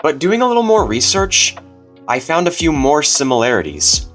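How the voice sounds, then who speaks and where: A man's voice: fairly high pitch, big pitch swings, normal speed, a bit bright. A man hosting a video, giving casual scripted commentary. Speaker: video host. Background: music.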